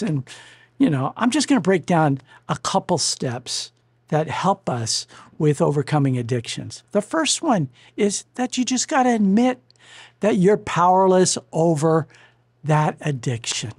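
A pastor speaks slowly in a husky, breathy voice, leading a personal devotional. The delivery is candid and conversational, with the occasional self-directed chuckle. The sound is dry and close. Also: mid-range voice, darkish tone, dry recording. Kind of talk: devotional message.

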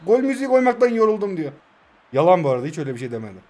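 Racing along in a high voice, a man in his twenties gives excited play-by-play commentary over a mobile football game. It's casual and joking, as he teases himself and his viewers.

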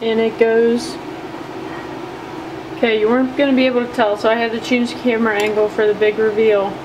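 In a brisk, level voice that sits a little high, a bait maker casually demonstrates her soft plastic lure making at a home workshop bench. She keeps it upbeat and chatty with frequent fillers, and an AC hum runs underneath.

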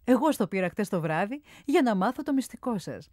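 A woman voicing the stern, mocking god Hermes in a storybook reading, speaking slowly. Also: mid-range voice, very animated, darkish tone, no echo, clean studio sound, close to an everyday voice. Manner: slow, stern and teasing.

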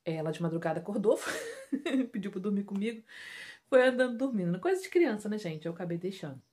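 A Brazilian woman talking softly and quietly to viewers in a casual home vlog, filmed on a phone indoors. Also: mid-range voice, sing-song, brisk. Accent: Brazilian Portuguese. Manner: speaking softly and hushed, chatty asides to viewers. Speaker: home vlogger. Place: indoors at home, bedroom and bathroom.

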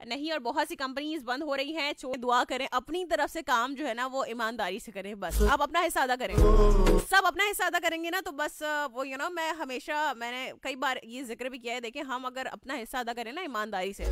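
Music plays under this young radio host as she reads listener messages on a morning show in the studio, chatty and laughing often, occasionally switching to English. She has a sore throat, a high voice and a moderate pace.

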